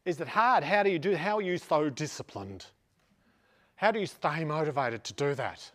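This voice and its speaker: A man mimicking a fawning questioner, exaggerated sing-song, higher pitch. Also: expressive, moderate pace, a bit bright. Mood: mock curious. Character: fawning admirer asking questions, adult.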